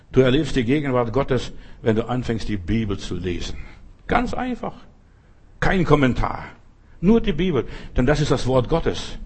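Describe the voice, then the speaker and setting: A middle-aged man from the former Soviet Union preaching a sermon, talking straight to the listener and bursting into dramatic shouted cries for help. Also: medium pitch, husky. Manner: talks straight to the listener with repeated "verstehst du".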